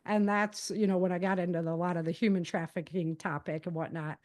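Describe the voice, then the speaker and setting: As a guest author, a woman with an American accent casually recounts the plots of her own novels, animated and conversational. Her voice is on the low side and she talks fast.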